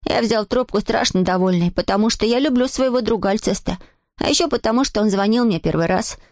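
A woman reading a children's story aloud as an audiobook narrator, lively and expressive. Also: mid-range voice, brisk, no echo, studio quality.

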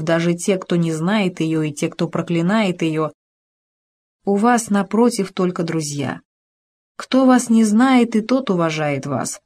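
A woman's voice: on the low side, darkish tone, lightly acted. A woman voicing an ardent young male officer in an audiobook, reading his lines with impassioned pleading.

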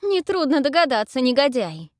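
A woman playing a defiant young heroine, shouting, exasperated, shrill, dry sound. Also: very animated, slow, dry recording, full character voice. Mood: indignant.

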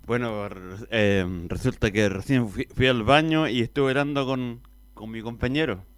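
A man chatting on a community radio show, hesitant and halting. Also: mid-range voice, no echo. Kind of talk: casual chat.

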